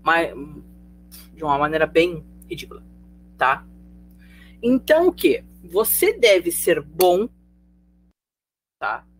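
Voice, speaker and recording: A Brazilian-accented teacher leads a remote sociology class in an easy, conversational voice of middling pitch. The teacher fires rhetorical questions at the students and checks that they are following. A faint hum sits under the voice. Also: very animated, slow, long pauses. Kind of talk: live online class lecture.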